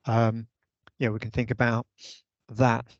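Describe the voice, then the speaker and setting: This vice chair of a users' group speaks at medium pitch in a level, unhurried way during a casual online meeting. Over the video call, with no echo and the highs cut off, he tentatively suggests ideas and keeps restarting.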